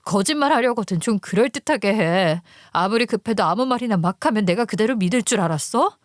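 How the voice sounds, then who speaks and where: A woman's voice: medium pitch, expressive, normal speed, no room sound, clean studio sound, close to an everyday voice. A woman voicing a suspicious, furious wife who demands answers from her husband. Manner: sharp, demanding, agitated.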